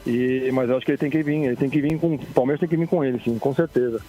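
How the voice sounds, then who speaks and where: A man's voice: medium pitch, fairly even intonation, very fast, dark tone. A man calling in over a phone line who chats casually and hesitantly about football, often ending his phrases with a tag question. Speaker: caller.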